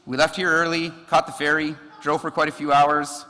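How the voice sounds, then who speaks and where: A firefighter giving a eulogy at a memorial service, telling funny stories about a colleague in a relaxed, conversational way. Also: male voice, a little high, moderate pace. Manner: conversational storytelling, frequent ums and laughs. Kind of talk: memorial tribute with anecdotes. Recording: long reverb of a large hall.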